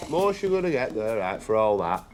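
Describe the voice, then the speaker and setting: A man's voice: fairly low pitch, sing-song, fairly quick. A British man, an antiques dealer, talking casually and off the cuff. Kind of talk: casual unscripted talk to camera. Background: background music.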